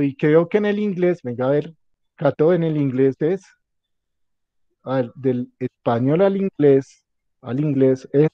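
Chatty teacher with a dull lo-fi sound. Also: male voice, on the high side, no room sound. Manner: keeps checking in with the class, jokey and repetitive. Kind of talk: informal classroom lecture.

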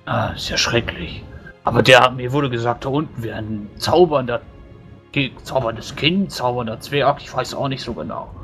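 A man's voice: mid-range voice, normal speed, a bit bright, lightly acted. Guy playing a grumbly fretful dwarf in a tabletop rpg, muttering, bit of music behind. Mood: curious, appalled. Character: grumbling, fretful male dwarf, suspicious of human building. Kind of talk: in-character tabletop role-play.

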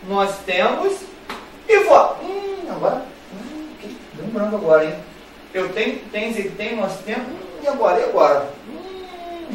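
High-voiced Brazilian teacher in an echoey room. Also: male voice, slight background noise. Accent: Brazilian Portuguese. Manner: playful, repetitive, addresses students directly. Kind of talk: classroom grammar lesson. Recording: very echoey room, voice far from mic.

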